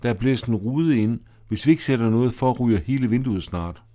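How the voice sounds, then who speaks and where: A man voicing a brisk, sharp-tongued woman in an audio drama. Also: mid-range voice, natural voice. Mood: urgent. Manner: brisk, indignant.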